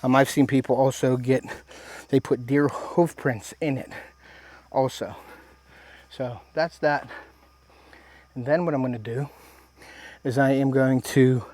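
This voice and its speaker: A man giving a casual, folksy step-by-step hunting demonstration outdoors while he works, with a tractor rumbling in the background. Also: steady tone, unhurried, long pauses, a little mellow, dry recording. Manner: folksy, talks while working with his hands. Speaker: hunting how-to presenter. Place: outdoors in the woods. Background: tractor rumbling nearby.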